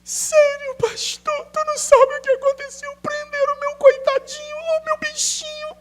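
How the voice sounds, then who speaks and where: A man voicing a distraught, sobbing mother who cries out in a high falsetto. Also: level tone, normal speed, soft background music. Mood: wailing. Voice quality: high wailing falsetto, tearful. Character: sobbing distraught middle-aged mother, wailing.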